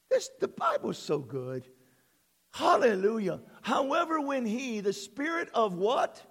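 A man preaching a sermon as pastor, exclaiming hallelujahs, calling on the congregation to answer and swelling into shouts. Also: extremely high pitch, huge pitch swings, takes it slowly, slightly rough, long reverb tail. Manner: asks the congregation to respond.

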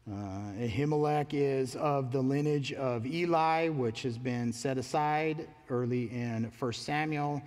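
A man's voice: medium pitch, measured pace, few pauses, a little mellow, big-room sound, soft background music. A man, a pastor, preaching a sermon in an earnest, conversational way, asking his listeners questions.

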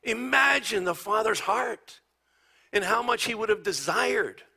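A man preaching a conversational sermon as a pastor, telling stories and often dropping to a hushed near-whisper. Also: sits high, unhurried, creaky, husky.

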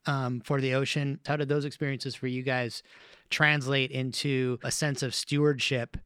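A man from Hawaii hosting an interview, asking earnest, measured questions. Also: medium pitch, level tone, fairly bright tone, clear, resonant tone, no room sound. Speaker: host.

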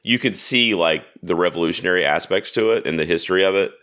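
A man's voice: low-pitched, fast, a bit bright, clean tone. A man hosting his own podcast, chatting casually and easily about movies with a co-host. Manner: easygoing, loose, chatty. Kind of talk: casual chat.

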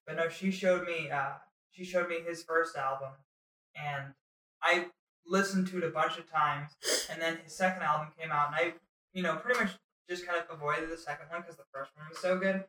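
A man's voice: a little high, steady tone, normal speed, pushed and bright, distant mic. A young man hosting a casual chat, interviewing a guest in an informal way. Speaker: podcast host, interviewer. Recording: echoey room, away from mic.

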